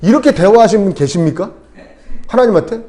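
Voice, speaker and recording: A man preaching a sermon as pastor, telling the story with lively storytelling and acting out the dialogue. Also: high-pitched, fast talker.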